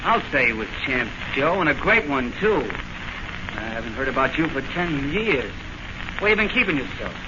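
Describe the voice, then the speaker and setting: A man acting a brisk, protective boxing trainer in an old radio play. He has a medium-pitched, very animated voice and a firm, businesslike way, heard through noisy vintage sound. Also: highs cut off, lightly acted. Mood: impressed.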